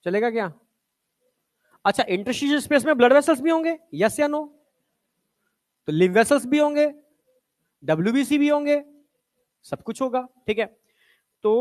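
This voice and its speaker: Male teacher. Coaxing classroom lecture where he quizzes the students. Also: high-pitched. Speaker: biology teacher.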